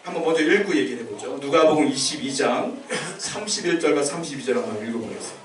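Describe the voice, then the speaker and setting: A male pastor delivers a lively sermon, slipping into the voices of the figures he tells about. His somewhat high voice carries through a roomy church sanctuary, picked up from a distant microphone, with a faint hum of room ambience behind him. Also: fast talker. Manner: animated preaching, acting out scripture voices.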